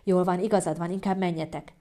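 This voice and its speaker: A woman voicing a panicked middle-aged mother who fusses frantically over her daughter, in a shrill voice. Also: fairly even intonation, mellow, natural voice. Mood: relieved.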